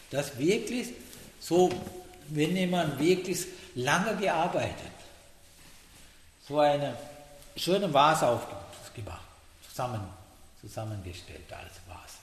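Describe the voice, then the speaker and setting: Man, meditation teacher, slow halting speech, echoey hall. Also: fairly high pitch. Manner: halting non-native German, frequent "ja?" checks. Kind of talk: dharma talk. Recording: echoey hall, faint noise.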